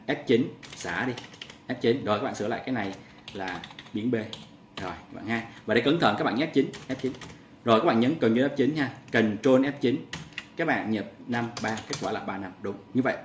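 A man teaching programming step by step in a screen-recorded tutorial, repeating each key press and often turning to address his viewers. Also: medium pitch. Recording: echoey room with faint ambient noise.

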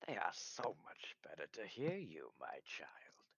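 A man voicing a sly, hungry wicked wolf in a storybook tale, with a gruff voice and a menacing, drawn-out delivery. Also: deep voice, huge pitch swings, dry recording, exaggerated voice. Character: wicked, hungry male wolf, slyly coaxing. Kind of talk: storybook character voice. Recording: dry, dull lo-fi recording.

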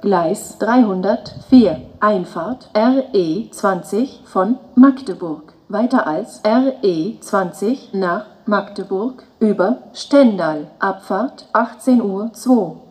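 A woman making flat platform announcements as a station announcer, in a measured, segmented delivery. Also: mid-range voice, slightly rough, poor audio.

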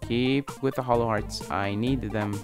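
A man's voice: mid-range voice, fairly even intonation, a little slow. A young man giving casual, self-mocking let's play commentary, swearing now and then at the game. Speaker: gaming channel host. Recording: game music loud behind the voice. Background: game music.

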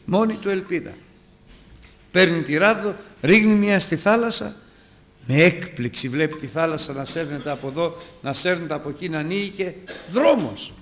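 A man preaching a sermon to his congregation, calling them brothers and moving between loud urgent appeals and hushed asides. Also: expressive, a little hiss or hum. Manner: dramatic, rises and drops sharply in pitch and loudness; addresses listeners as brothers.

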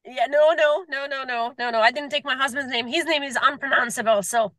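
Woman in her 40s from Hungary, guest on a video call from her car; high, bright, dry voice, rambling and chatty. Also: fairly even intonation, a little fast, dry recording. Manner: chatty, many fillers and repeated words. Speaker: guest, permanent makeup artist. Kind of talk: casual video-call interview. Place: parked car. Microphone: video call from a phone.

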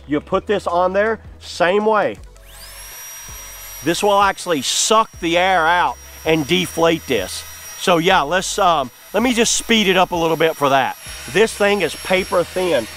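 An enthusiastic man talks through a gadget demo, filming it himself outdoors. His voice sits a little on the high side, and he keeps things chatty and loose. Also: a little slow, a bit bright, soft background music. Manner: enthusiastic, chatty, lots of "like" fillers. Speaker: product reviewer. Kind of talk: casual hands-on product demo. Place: outdoors on grass.

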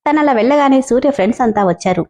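A woman storyteller giving scripted narration, reading briskly and voicing the characters' dialogue. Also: high voice, animated, dark tone.

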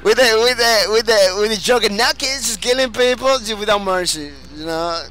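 Speaking at a normal speed, this high-voiced Dominican streamer sounds pushed and bright, with soft music playing in the background. He chats energetically on his live stream in a Spanish accent, reads viewer comments, and keeps restarting phrases.

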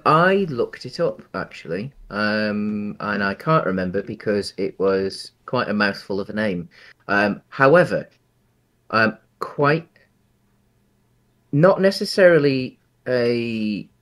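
Speaking in a lowish, slightly bright voice, a man in his thirties co-hosts a podcast and talks casually about a film. He sounds hesitant, with many ums and restarts, and is on a video call using a headset in a small room at home.

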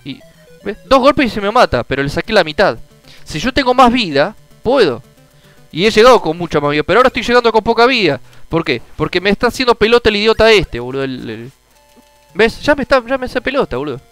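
A young man with a Rioplatense Spanish accent giving casual commentary on a retro game, frustrated, swearing often and bursting into shouts. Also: high voice, very animated, fast talker, dry recording, soft background music, low-quality recording. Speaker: gameplay streamer.

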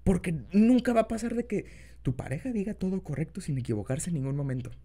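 A man's voice: sits high, lively intonation, fast talker, mellow. A young man with a Mexican Spanish accent, chatting casually and affectionately in a rambling, improvised boyfriend ASMR style. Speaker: ASMR boyfriend-audio creator.

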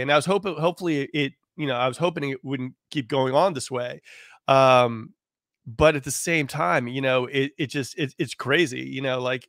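A hoarse man, a real estate agent, talking casually on a live stream in a rambling way full of fillers. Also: mid-range voice, a bit bright, no echo, clean studio sound. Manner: rambling, full of "you know" and "like".

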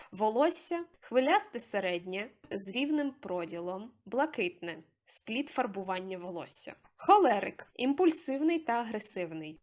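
Chatty young woman narrating her drawing. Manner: chatty and self-deprecating, with lively pitch jumps. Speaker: artist vlogger. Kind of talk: casual voice-over commentary on a drawing.

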